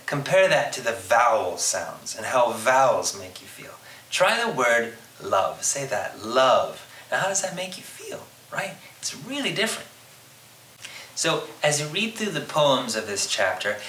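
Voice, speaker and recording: A man's voice: mid-range voice, pushed and bright, distant mic. A man giving a recorded literature lesson, explaining poetry terms and prompting students to try the words aloud. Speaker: literature teacher. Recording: roomy, off-mic, faint hiss.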